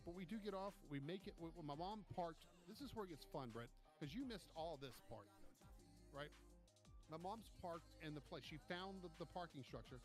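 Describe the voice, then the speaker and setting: A man telling a long trip story in casual chat, animated and profane, acting out what people said. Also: on the high side, normal speed, music in the background. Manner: animated, profane, acts out quotes. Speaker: podcast co-host.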